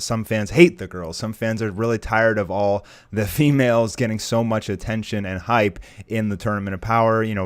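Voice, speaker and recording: A man's voice: on the low side, clear, resonant tone, no room sound. A man giving casual, conversational commentary and speculation to viewers as an online anime commentator. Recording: music playing behind the voice. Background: background music.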